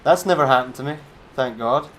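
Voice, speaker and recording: A man's voice: mid-range voice, brisk, a bit bright. Guy streaming a game, laid back and chatty, bit sarcastic, faint hiss. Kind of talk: casual gameplay commentary.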